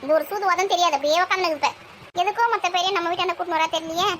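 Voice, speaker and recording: Woman, very high bright voice, grumbly gossipy sketch acting. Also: rapid-fire, slight background noise. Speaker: comedy sketch performer. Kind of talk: comic village sketch acting.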